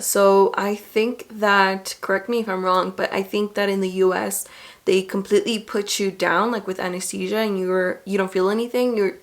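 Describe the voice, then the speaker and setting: A young adult woman vlogger speaking in a casual, chatty storytelling way, informal and animated as she retells things to camera. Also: mid-range voice.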